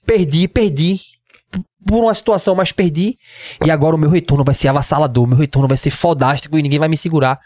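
Young guy w/ northeastern brazilian accent, telling a story all fired up, kinda high voice, dry close sound. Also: quick pace, darkish tone, dry recording. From Pernambuco, Brazil. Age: 20s. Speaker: guest, MMA fighter. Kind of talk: emotional storytelling in a podcast.

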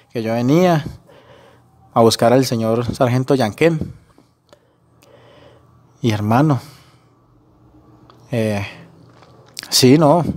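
Speaking with a Colombian accent in a medium-pitched, darkish voice, a man tells a personal story in casual, conversational speech. He acts out the quoted dialogue and keeps calling the listener "brother," his voice slightly shaky with emotion.

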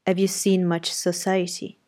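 Casting: a woman doing an imperious, sardonic master of the house for an audiobook; low-set, clipped and commanding. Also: flat delivery, measured pace, a little mellow, lightly acted. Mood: brusque, commanding. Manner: curt, imperious, sardonic questioning. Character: brusque commanding gentleman, middle-aged master of the house. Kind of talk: audiobook character reading.

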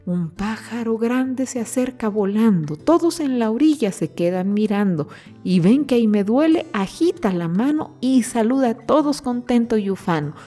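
A woman's voice: on the high side, lively intonation, normal speed, dark tone, soft background music. A woman reciting a rhyming children's story poem in a sing-song storybook manner.

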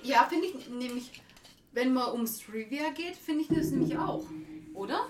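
A woman co-hosting a podcast quiz, excitable and quick to laugh and exclaim. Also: sits high, faint music behind. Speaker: podcast co-host. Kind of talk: casual quiz chat.

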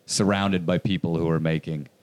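A man's voice: sits low, steady tone, moderate pace, darkish tone. A man from Indiana, a stand-up comic, rambling through a casual podcast chat with lots of fillers and swearing. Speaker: comedian podcast guest.

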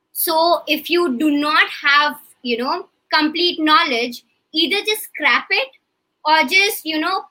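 Woman guest, crisp bright tone, assertive and analytical. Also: sits high, rough recording. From India. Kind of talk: casual live-stream chat.

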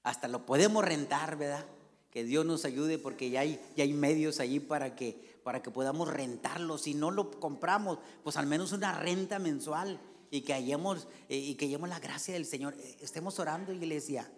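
A man's voice: fairly high pitch, moderate pace. A man preaching a fervent sermon as a pastor, calling his congregation "brothers" after nearly every phrase. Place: church. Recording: long reverb of a church hall.

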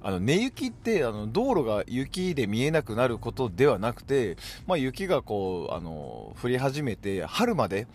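A man's voice: medium pitch, sing-song, moderate pace, hardly any pauses, a little mellow, a little hiss or hum. A man with a Hokkaido accent hosting a casual solo podcast, chatting along and dropping in short affirmations. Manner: chatty, dotted with "hai" affirmations. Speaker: podcast host.

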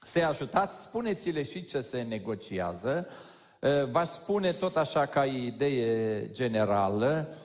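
A pastor giving a conversational sermon to a congregation, joking and speaking straight to his listeners. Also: mid-range voice. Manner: lively, joking, addresses the audience directly. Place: large church hall. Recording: long hall reverb.

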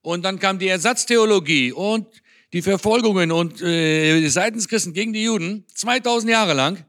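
A man preaching in a church with a fairly high, bright voice. He talks to the congregation in an earnest, conversational way, as if chatting with them. His tone is forceful and clear. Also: normal speed. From Germany. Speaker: speaker on Israel at a church. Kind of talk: sermon.

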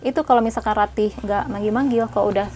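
A young woman tells a spooky hiking story in casual slang, sometimes dropping to a hush and sometimes getting animated. Her voice is mellow and soft, at a middle pitch, with a faint hiss under the recording. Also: fast. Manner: slangy, hushed at times, then animated.

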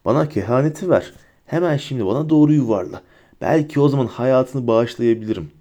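A man's voice: animated, fairly quick, mellow, lightly acted. A man reading a story aloud, voicing a cruel, fanatical female witch who taunts and shrieks. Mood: taunting. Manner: taunting, mocking, high and shrill.

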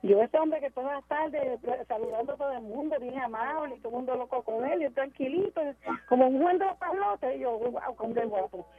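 A woman calls into a radio show, chatting eagerly and stumbling over repeated words. Her voice sits high. It comes through a tinny, narrow phone line. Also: a little fast. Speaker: caller.

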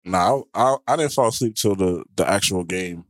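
A man's voice: deep voice, expressive, moderate pace, no echo, clean studio sound. A man co-hosting a movie review show, chiming in with short, laid-back remarks. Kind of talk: casual banter.

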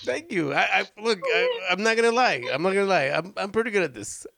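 Rambling enthusiastically through a casual chat on old movies, this podcast host keeps interrupting himself and starting again. The man's high, gravelly, somewhat bright voice swings widely in pitch, and he talks quickly.

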